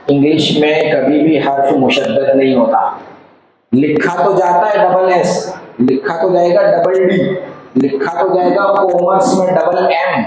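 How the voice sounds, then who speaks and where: A man teaching a class of students, playful, quizzing them and spelling words out slowly. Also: fairly high pitch, a little mellow. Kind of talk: classroom lesson. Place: echoey classroom. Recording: echoey room, background noise.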